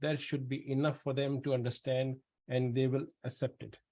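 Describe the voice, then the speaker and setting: A man's voice: mid-range voice, level tone, normal speed, mellow. A man from Pakistan hosting a pharmacist webinar over a video call, explaining at length and often repeating words. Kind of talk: casual webinar Q&A.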